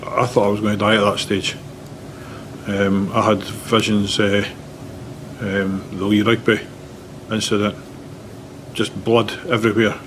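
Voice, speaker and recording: A man police officer giving inquiry testimony, halting, with ums and broken phrases. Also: on the low side, flat delivery, noisy background.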